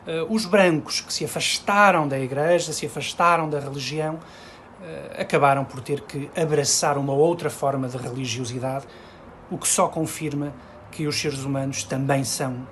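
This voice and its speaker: A man giving measured spoken commentary in a played clip, pausing on hesitation fillers. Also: on the high side, a bit bright, a little hiss or hum.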